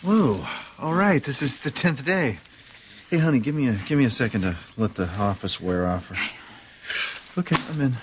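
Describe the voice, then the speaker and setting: An actor playing a weary, playful husband just home from the office, in a TV drama scene. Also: male voice, mid-range voice, lively intonation, moderate pace, lightly acted. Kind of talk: TV drama dialogue. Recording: noisy TV clip.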